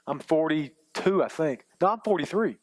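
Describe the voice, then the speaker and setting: A man's voice: on the high side, lively intonation, moderate pace, poor audio. A man in his forties preaching a sermon as a pastor, talking in a conversational, self-deprecating way with rambling asides. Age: 40s.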